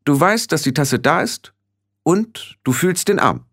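Stern old witch, sharp and commanding, high and lively, read by a man in an audiobook. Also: measured pace. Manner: firm, clipped commands. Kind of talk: audiobook reading.

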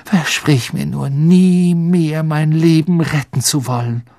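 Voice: medium pitch, fairly even intonation, slow, warm tone, no room sound, clean studio sound. An audiobook reader voicing an earnest, brave boy wizard who speaks in an eager, polite way. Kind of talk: audiobook reading.

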